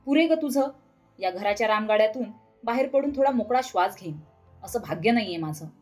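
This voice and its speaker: A sharp-tongued middle-aged wife, played by a woman storyteller, airs her grievances with biting sarcasm. The voice sits fairly high, with soft music faintly beneath. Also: lively intonation, a little fast. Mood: complaining. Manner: scolding, sarcastic complaints.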